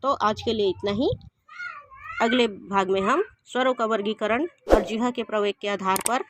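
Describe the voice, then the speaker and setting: A woman teaching a grammar lesson, asking questions and answering them herself, and repeating each definition slowly. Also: mid-range voice, a bit bright, a little hiss or hum.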